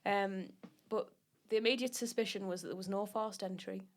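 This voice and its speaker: A woman's voice: mid-range voice, steady tone, normal speed. A woman co-hosts a podcast, walking through the story in an easygoing, chatty way. She drops in wry little asides as she goes. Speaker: podcast co-host. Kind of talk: casual chat.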